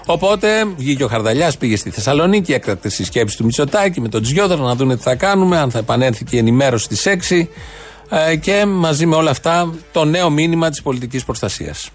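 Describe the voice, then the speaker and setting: A man's voice: fairly high pitch, animated. Sarcastic man hosting satirical news. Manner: sarcastic, mock-serious. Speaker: satirical show host.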